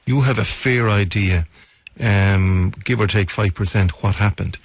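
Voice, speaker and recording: A man with an Irish accent and a husky voice hosting a live radio interview, phrasing his questions haltingly with repeated words. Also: lowish voice, no room sound. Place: dry radio studio.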